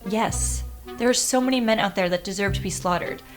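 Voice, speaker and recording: A woman's voice: medium pitch, a little fast, faint music behind, natural voice. An actress playing a female vampire friend who gives advice with dry jokes, in film dialogue. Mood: wry. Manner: dry, jokey. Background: film score.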